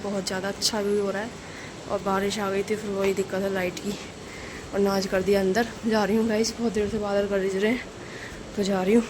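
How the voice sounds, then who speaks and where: A woman's voice: mid-range voice, noisy background. A young woman casually chatting as she vlogs her day at home, rambling along while she cooks and cleans, recorded on a phone camera. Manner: chatty, rambling, talks while doing chores. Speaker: vlogger. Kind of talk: casual home vlog chat. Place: home kitchen and rooms.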